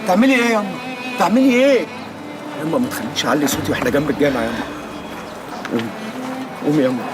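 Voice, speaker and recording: A man's voice: medium pitch, steady tone, rapid-fire, natural voice. Pleading Egyptian son, played by a man. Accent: Egyptian Arabic. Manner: insistent, pleading. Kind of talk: TV series acting. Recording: loud music score behind.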